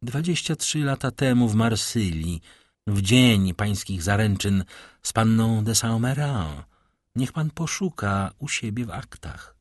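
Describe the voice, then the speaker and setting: A sombre, vengeful count, as a man reads him, slow and heavy, with a low, husky voice. Each word is measured and cold, and the sound is dry and close. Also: animated, no echo. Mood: accusing.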